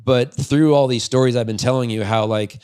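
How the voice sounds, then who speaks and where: With a mid-range, clean, darkish voice, fairly even in intonation and fairly quick, a man in his forties recounts stories as a podcast guest. Formerly a freestyle motocross rider and now a business owner, he's frank, rambling and liberal with profanity in this casual interview.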